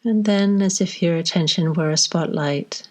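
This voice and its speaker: This is a lowish female voice leading a body scan meditation, offering gentle, unhurried directions with long silences between phrases.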